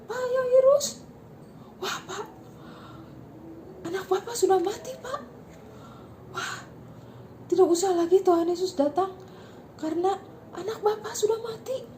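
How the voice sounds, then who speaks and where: A woman's voice: very high voice, unhurried, long pauses, warm tone, slight background noise, voice pushed up. Woman doing an urgent, anxious messenger. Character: anxious messenger bringing bad news.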